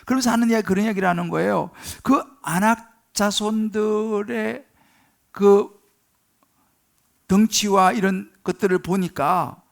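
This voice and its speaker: Gravelly high-voiced male pastor preaching. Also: unhurried. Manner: storytelling, acts out the biblical quotes with rising intensity; addresses the congregation directly with questions. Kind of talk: sermon.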